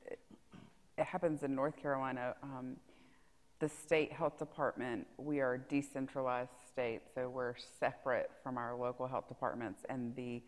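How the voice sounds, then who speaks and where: A woman's voice: extremely low pitch, long reverb tail. A woman in her thirties, a state public health official, explaining things practically on a conference panel. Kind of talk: panel discussion. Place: conference stage in a large hall.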